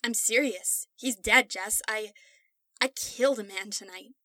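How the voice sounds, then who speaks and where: A distraught young man in a storybook reading speaks in a flat, matter-of-fact way. His tone stays subdued and heavy with gloom, voiced by a woman narrator. The sound is close and dry. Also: mid-range voice, measured pace, no room sound. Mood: confessing.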